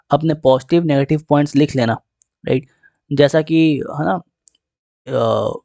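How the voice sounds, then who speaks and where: A man's voice: a little high, darkish tone, dry recording. Man coaching exam aspirants, dry close sound. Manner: repeats "theek hai" and "right" as he talks; mixes English phrases into his Hindi.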